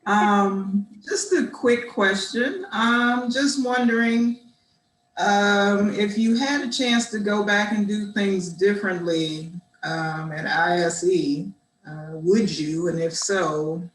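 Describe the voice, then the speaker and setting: A woman's voice: mid-range voice, slow. A woman asking a short friendly question over a video call. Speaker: audience member asking a question. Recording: roomy call audio.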